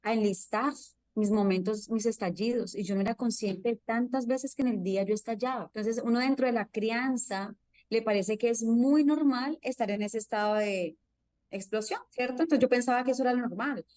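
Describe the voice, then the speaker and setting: A woman's voice: fairly high pitch, normal speed, a little mellow, no room sound. A woman, a parenting guest explaining thoughtfully and listing examples. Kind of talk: interview answers.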